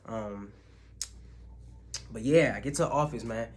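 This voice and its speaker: Young man telling a painful story. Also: mid-range voice. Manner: casual slangy storytelling, restarts and long pauses. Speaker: vlogger. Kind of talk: emotional personal story time. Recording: faint background noise.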